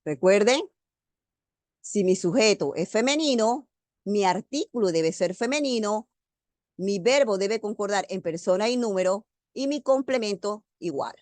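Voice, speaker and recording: A woman's voice: mid-range voice, animated, a little slow, a little mellow, dry recording. Woman, teacher, online lecture, stresses key words, dry close sound, video call.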